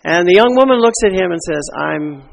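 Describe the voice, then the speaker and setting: Guy preaching a sermon in a big church, high voice, loud then hushed, lots of echo. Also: fast, creaky, dull audio. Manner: emphatic, rising and falling between loud and hushed; tells anecdotes, acting out quoted voices. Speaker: pastor. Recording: long hall reverb.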